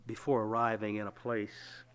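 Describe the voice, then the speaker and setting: A man's voice: on the low side, flat delivery, normal speed, smooth. An older man giving a reflective storytelling talk, with wry laughs and frequent hesitations. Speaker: lecturer.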